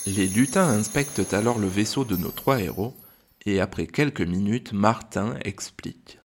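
A man with a low, even voice narrates a children's space adventure. His delivery is gentle and measured, made for young listeners. It is steady scripted storytelling. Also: a little hiss or hum.

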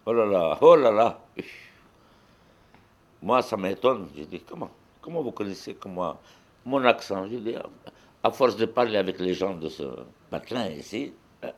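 Man, deep voice, relaxed chatty interviewee. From Lebanon. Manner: chatty and amused, repeats himself. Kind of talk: casual interview.

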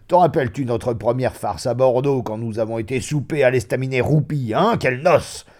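A man doing a booming, laughing braggart. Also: normal speed, natural voice. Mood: boisterous. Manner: loud, laughing, booming exclamations. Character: boisterous, vulgar, boastful male old schoolmate. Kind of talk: audiobook reading of a classic story.

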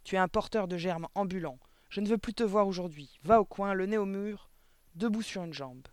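Man playing a tyrannical headmistress in a storybook reading, loud contemptuous bark, dry close sound. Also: high-pitched, normal speed, smooth, dry recording, voice pushed up, lightly acted. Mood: furious. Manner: barking, contemptuous shouting. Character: huge furious tyrannical headmistress barking at children.

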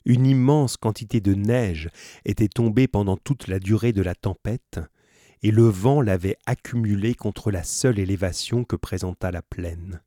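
A man reading a novel aloud, steady narration broken by playful, joking asides to his listeners. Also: fairly low pitch, moderate pace, dry recording, studio quality. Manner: playful, breaks off to joke and comment. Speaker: audiobook reader.

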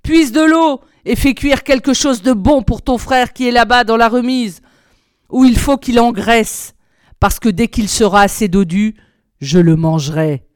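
Woman doing a cruel greedy old witch, shrill, bossy, storybook, smooth tone. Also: steady tone, normal speed, no echo, clean studio sound, close to an everyday voice. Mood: barking orders.

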